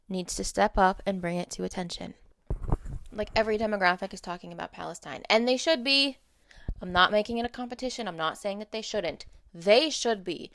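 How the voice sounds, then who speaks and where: An American woman with a standard accent, a social media content creator, reads notes aloud in an informal advocacy vlog, blunt, emphatic, casually profane, and full of candid asides. Her medium-pitched voice is fairly bright on a dry recording.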